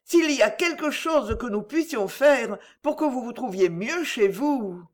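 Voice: mid-range voice, animated, a little slow, pitched above the performer's own voice, close to an everyday voice. A narrator voicing a timid young woman who panics easily and speaks in broken, breathless phrases, in an audiobook reading.

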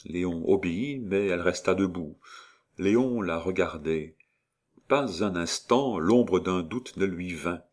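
Low-voiced male audiobook narrator. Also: unhurried, darkish tone. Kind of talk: audiobook reading of a classic novel.

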